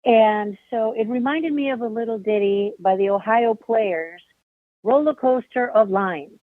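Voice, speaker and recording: A playful woman caller from California gives her comment on a thin, dry phone line. Her voice sits a bit high, and her delivery is wry. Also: unhurried, no echo. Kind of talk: public comment.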